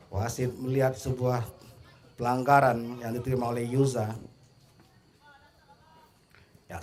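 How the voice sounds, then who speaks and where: A man's voice: mid-range voice, a little mellow. A man with an Indonesian accent giving live play-by-play commentary as a football commentator.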